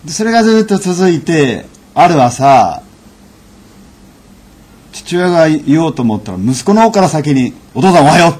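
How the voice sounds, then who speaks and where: Lively-pitched man telling a lesson story. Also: slightly rough. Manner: measured, unhurried delivery with frequent fillers. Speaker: lecturer. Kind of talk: storytelling lecture.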